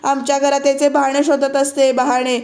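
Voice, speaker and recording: A woman's voice: high voice, flat delivery, moderate pace, darkish tone. A woman reading as a taunting rich lady. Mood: indignant. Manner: taunting, repeating words mockingly. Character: sharp-tongued rich woman mocking a guest.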